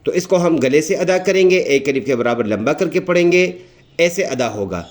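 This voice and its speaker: This male Quran teacher's voice is slightly high and animated. Speaking with a Pakistani Urdu accent, he walks beginners through Arabic letter pronunciation with patience, drawing out every letter sound as he models it.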